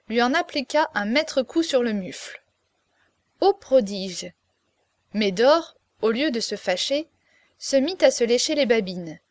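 Woman, audiobook narrator, classic novel, expressive reading, slightly high voice, dry close recording. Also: no echo.

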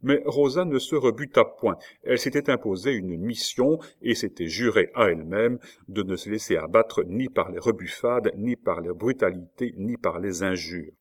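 Brief: male audiobook narrator, low, measured literary reading.

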